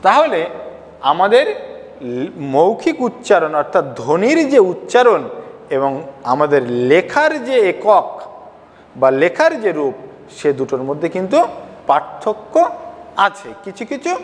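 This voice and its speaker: A man's voice: sits high, very animated, a little slow, long pauses, big-room sound. A male teacher giving a class lecture, explaining step by step and asking rhetorical questions.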